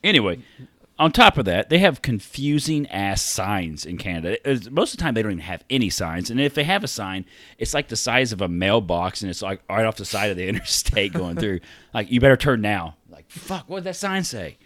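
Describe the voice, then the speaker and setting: A man from the United States, co-hosting a casual podcast, telling animated stories with frequent laughs and swearing. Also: fairly low pitch, a little fast, no room sound. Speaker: podcast co-host. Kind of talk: casual chat.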